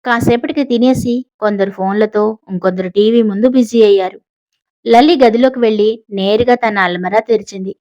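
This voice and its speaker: A woman's voice: medium pitch, moderate pace, a little mellow, highs cut off. A woman narrating a family story, expressively switching voices for the characters. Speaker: audiobook narrator.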